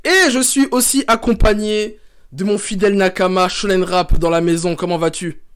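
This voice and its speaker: A young man hosting a casual livestream in a high, bright-sounding voice. He talks in a hyped, slangy and upbeat way as he runs the show. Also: fairly even intonation, moderate pace, clean tone. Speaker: host.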